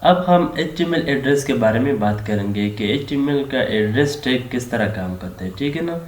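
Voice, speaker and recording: In an expressive, slightly mellow mid-range voice at normal speed, a programming tutor with a Pakistani Urdu accent steadily explains a screen-recorded coding lesson, often tacking on "theek hai na." The echoey room has a faint hiss, with typing and mouse clicks in the background.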